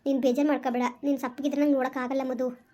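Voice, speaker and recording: A woman's voice: high voice, flat delivery, very fast, mellow. A woman talking with her husband in a casual family chat, earnest and reassuring. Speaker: wife in a family vlog. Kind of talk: casual heartfelt family talk.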